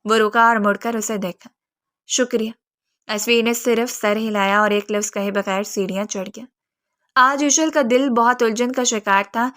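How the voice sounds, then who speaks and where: A woman narrating a romance novel in steady, even scripted storytelling. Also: a little high.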